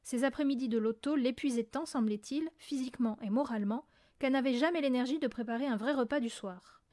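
A woman narrating an audiobook in a measured way. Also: sits high, darkish tone, no room sound, clean studio sound. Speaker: audiobook reader.

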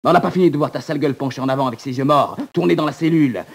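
A man's voice: mid-range voice, rapid-fire. An actor playing a bitter, taunting young male prisoner in a 1940s radio drama, sneering and accusing. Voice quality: husky, gravelly. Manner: sneering, accusing, swings to shouting.

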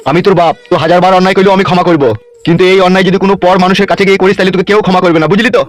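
A man's voice: high voice, level tone, racing, faint music behind, natural voice. Man doing a blunt scolding cartoon father. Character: gruff scolding village father, middle-aged. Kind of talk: cartoon comedy voice acting.

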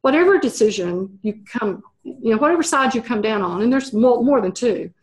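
A middle-aged woman speaks in a slightly high voice, thinking aloud as she talks through an interview. She stops to restart her sentences, fills pauses with small hesitations, and laughs easily. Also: expressive. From United States. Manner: thoughtful, many fillers and restarts, laughs easily. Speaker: program evaluation professor, interview guest. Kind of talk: conversational interview.

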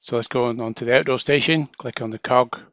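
A training instructor with a mid-pitched voice narrates a casual, step-by-step software setup tutorial. He talks fast and chatty, explaining each action informally. The recording is dry and muffled, with very little room sound.

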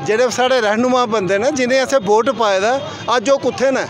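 A man's voice: extremely high pitch, steady tone, fairly quick. Bitter older man protesting outdoors. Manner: bitter, accusing rhetorical questions. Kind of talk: angry protest complaint. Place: outdoor protest tent by a road. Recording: outdoor crowd noise. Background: crowd and traffic.

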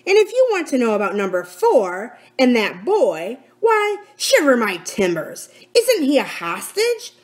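In a dramatic storybook reading, a woman voices a cunning, scornful male pirate captain and sea cook who speaks in sardonic, folksy sailor talk. She pushes her slightly high voice up, swinging hugely in pitch, unhurried yet with hardly any pauses, and sounds indignant and vehement.

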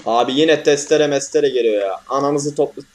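A man's voice: mid-range voice, normal speed, darkish tone. A young man commentating a horror game as he plays, swearing and yelping at scares, then laughing them off. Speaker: gaming YouTuber.

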